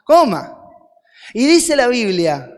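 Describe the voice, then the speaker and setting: A man with a Rioplatense Spanish accent delivers a sermon in a high, bright register. He preaches with animated energy, throwing rhetorical questions at the congregation and answering them himself. His voice rings through a large church hall with a long echo trailing after each phrase. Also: slow. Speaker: guest preacher.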